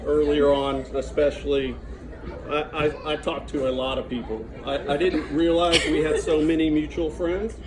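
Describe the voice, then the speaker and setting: A middle-aged man giving an informal father of the bride speech, halting and conversational, with a joking delivery. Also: fairly high pitch, level tone. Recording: noisy room with loud audience chatter and laughter.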